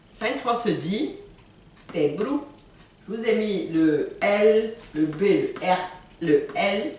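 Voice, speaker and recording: Slow teacher in an echoey room. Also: mid-range voice, recorded from a distance, a little hiss or hum. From Ivory Coast. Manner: slow, repeats words for pronunciation. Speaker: language teacher. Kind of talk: casual video lesson.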